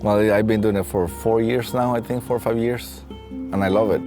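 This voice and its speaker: For a training film, a facilities and safety technician and staff trainer in his late thirties reflects on his own life, speaking haltingly with a Mexican accent. His voice is on the low side with fairly even intonation. Soft guitar music is plucked in the background.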